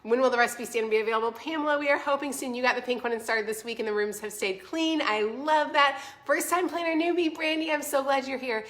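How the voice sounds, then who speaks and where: Her voice high-pitched, a bit bright, and congested by a cold, a woman in her forties rattles along fast with hardly any pauses. She's a vlog host selling a home planner, chatting casually and encouragingly while answering viewer comments on a livestream.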